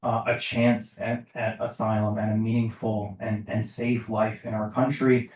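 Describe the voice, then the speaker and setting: Low-voiced lawyer man, distant and echoey. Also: flat delivery, measured pace, darkish tone. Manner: articulate, formal and precise. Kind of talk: panel explanation. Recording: echoey, distant, dull sound.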